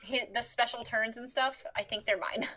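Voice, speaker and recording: A woman's voice: fairly high pitch, fairly even intonation, normal speed, pushed and bright, a little hiss or hum. A woman playing a tabletop game, chatting out of character over an online call in a playful, joking way. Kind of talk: casual out-of-character chat.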